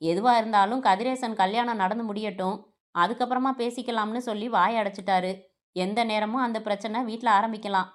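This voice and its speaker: A woman's voice: mid-range voice, steady tone, fairly quick. A woman narrating a family novel aloud, reading every character's lines in her own voice with small shifts.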